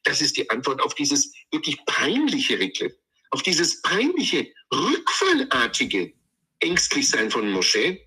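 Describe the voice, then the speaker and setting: A man's voice: on the high side, wildly swooping pitch, slow pace, pushed and bright, husky, rough recording. A man giving an emphatic, sermon-like Torah commentary, drawing words out and repeating phrases for stress. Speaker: Torah teacher.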